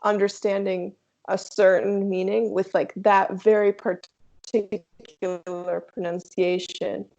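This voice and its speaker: Creaky-voiced young woman on a dull line. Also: medium pitch, slow. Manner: chatty, animated, filler-heavy. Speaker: guest. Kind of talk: casual chat. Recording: dull lo-fi sound.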